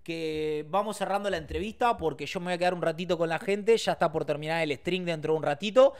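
A man with an Argentine accent hosting a casual livestream from his bedroom, telling stories with lively shouted sound effects. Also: fairly high pitch, quick pace. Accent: Argentine Spanish. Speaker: streamer host. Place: home bedroom.

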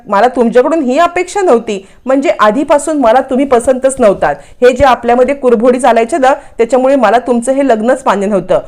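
A woman's voice: fairly high pitch, darkish tone, natural voice. A woman voicing an angry middle-aged mother who scolds her son-in-law and repeats her reproaches.

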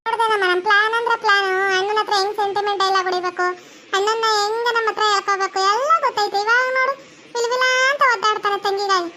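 A woman's voice: very high voice, fairly even intonation, quick pace, pushed and bright. Woman voicing a sly scheming sister-in-law. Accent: North Karnataka Kannada. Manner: sly, threatening.

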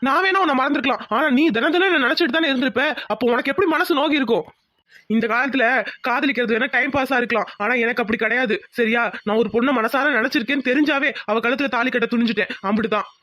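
Cartoon lovesick village youth voiced by a woman, high-pitched and earnest, in a close, dry recording. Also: fast talker, fairly bright tone, no room sound. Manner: pleading, emotional, earnest. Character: young village man, lovesick, pleading and earnest. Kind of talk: cartoon voice acting.

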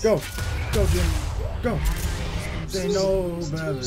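A man reacting excitably and trash talking during a video game in casual voice chat. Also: high voice, slow pace. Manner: excitable, loud outbursts, trash talk. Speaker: gaming friend. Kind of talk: casual voice chat while gaming. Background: game music.

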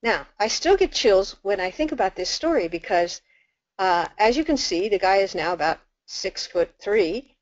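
An older woman tells a story in a talk, animated and acting out each exchange. Her voice sits at a middle pitch. The recording is dull and lo-fi, with a dry, close sound. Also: normal speed, dry recording. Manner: animated storyteller, acts out dialogue. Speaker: nun giving a talk.

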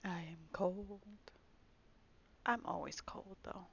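A woman's voice: on the low side, steady tone, slow pace, vocal fry, a little hiss or hum. A woman gamer in casual voice chat, teasing her friend and laughing often, on a dull lo-fi recording.

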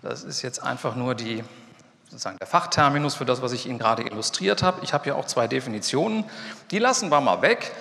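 A man's voice: mid-range voice, lively intonation, fast, gravelly, a bit bright. A middle-aged man giving a university lecture in a casual, chatty way, with fillers and asides. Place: lecture hall. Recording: long reverb of a lecture hall.

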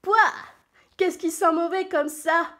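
A woman's voice: very high-pitched, fairly even intonation, takes it slowly, fairly bright tone, pitched above the performer's own voice, full character voice. A woman voicing a curious, fussy female giraffe in a storybook reading, prim and nosy.

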